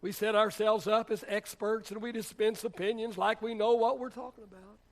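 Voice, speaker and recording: A man's voice: sits high, little pitch movement, moderate pace. A man, a pastor, preaching a sermon in a church in a conversational, humorous storytelling way. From United States.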